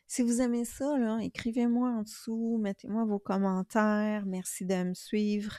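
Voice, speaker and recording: Slow, calm Québécois woman. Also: mid-range voice, no echo. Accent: Québécois French. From Quebec. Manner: calm, soothing, gently reflective. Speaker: spiritual YouTuber and tarot reader. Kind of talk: casual spiritual vlog.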